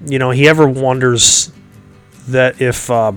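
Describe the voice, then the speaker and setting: Speaking a little slowly in a steady, mid-range voice, this podcast host sounds clear, resonant, and a bit bright, though nasal and congested. His casual talk rambles with many fillers, restarts, and frequent chuckles as soft music plays.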